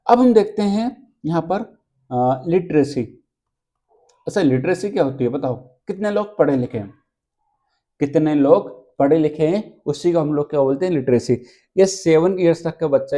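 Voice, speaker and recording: A man's voice: mid-range voice, dark tone. A male teacher running an exam-prep lesson, asking questions and answering them himself and repeating key points.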